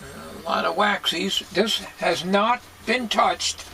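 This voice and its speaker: Working casually at the bench of his crowded home electronics shop, a radio restorer in his sixties or beyond muses in plain, stop-start speech. He pitches high, with vocal fry and a sharp edge, and the capture is noisy.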